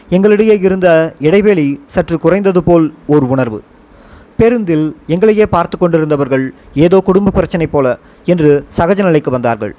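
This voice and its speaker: A man reading a first-person memoir audiobook in a measured, reflective storytelling manner. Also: fairly high pitch, a little mellow. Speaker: audiobook narrator. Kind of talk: scripted first-person narration.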